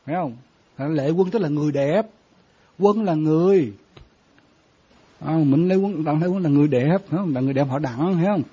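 A man's voice: fairly high pitch, a little fast, pauses often, mellow, slightly rough. A man, a Buddhist monk giving a conversational dharma talk and often quizzing his listeners. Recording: dull lo-fi sound.

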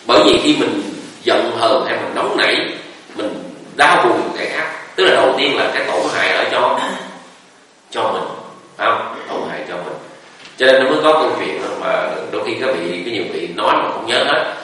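A man's voice: on the low side, expressive, a little fast, sharp tone. A man, a Buddhist monk giving a conversational dharma talk, telling stories and asking the audience rhetorical questions. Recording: echoey hall recording from far off.

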